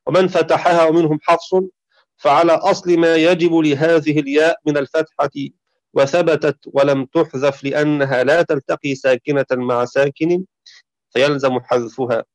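A man giving a lesson on Quran reading variants, reading from a text and reciting verses slowly in a chanted tone. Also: on the high side, steady tone, dry recording. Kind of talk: explanatory lecture reading from a text.

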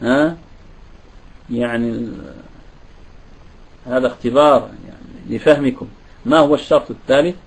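Husky man teaching grammar. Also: mid-range voice, normal speed, pauses often, rough recording. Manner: asks students rhetorical questions. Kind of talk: classroom grammar lesson.

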